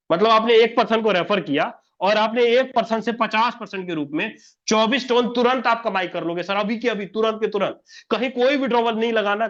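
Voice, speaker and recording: A man's voice: high voice, a bit bright, dull audio. A man explaining a plan step by step on a whiteboard, repeating himself and answering his own questions. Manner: repetitive, asks and answers his own questions, addresses viewer as sir. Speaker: presenter explaining an income plan.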